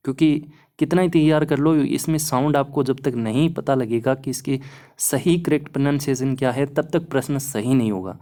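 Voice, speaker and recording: A young male exam-prep teacher with a medium-pitched voice explains a lesson over slides, walking students through phonetics examples at a steady clip. Casual, reassuring and encouraging, he checks in with the class often and keeps saying "है ना."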